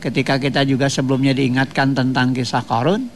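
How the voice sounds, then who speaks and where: Male radio preacher, gravelly mid-range voice, steady teaching delivery. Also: medium pitch, a little hiss or hum. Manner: measured, explanatory, repeats phrases with tag questions. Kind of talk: radio sermon. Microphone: radio studio microphone.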